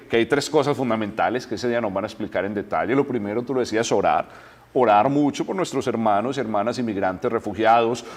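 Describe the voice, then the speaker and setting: Earnest man explaining slowly. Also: medium pitch. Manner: earnest, explanatory, with frequent "eh" and repeated words. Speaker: diocesan delegate, guest. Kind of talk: conversational TV interview.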